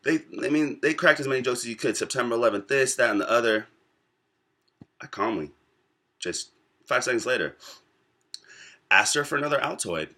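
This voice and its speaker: A man in his twenties from the United States, telling a personal story to camera in a reflective, pausing way. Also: mid-range voice, lively intonation, bright, forceful tone. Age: 20s. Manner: reflective, pausing often between thoughts. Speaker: vlogger.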